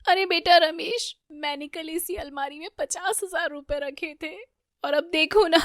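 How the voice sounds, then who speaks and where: A woman's voice: very high-pitched, unhurried, dry recording, studio quality, pitched above the performer's own voice. A woman voicing a distraught older mother-in-law who wails over lost money in a cartoon story. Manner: wailing, tearful.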